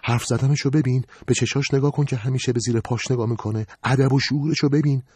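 A man voicing a frail, kindly older woman who speaks softly and slowly in a storybook reading. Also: medium pitch, steady tone, breathy edge, no echo, pitched above the performer's own voice, natural voice.

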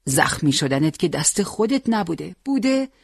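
Old grandfather figure put on by a storyteller, earnest and stubborn, raised pitch, husky, dry recording. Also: big pitch swings, dry recording, exaggerated voice. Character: old male grandfather volunteer, stubborn and kindly.

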